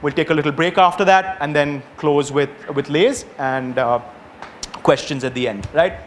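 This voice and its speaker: A man's voice: a little high, moderate pace, a little hiss or hum. A man presenting to clients, phrasing things carefully and checking in with short questions. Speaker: advertising agency presenter.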